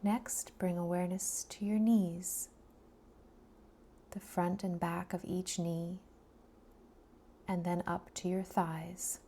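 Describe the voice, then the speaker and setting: Slight background noise underlies a woman's body scan meditation guidance. Her lowish voice barely changes pitch, staying soft, breathy and soothing, often sinking to a near-whisper with long gaps between phrases.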